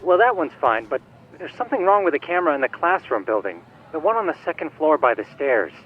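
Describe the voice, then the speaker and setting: In English video game voice acting, an actor plays a chatty, eager young male hacker, speaking in a formal, theatrical, wordy manner that sounds helpful and composed. His voice is a little high, sing-song and fast, with phone-quality sound.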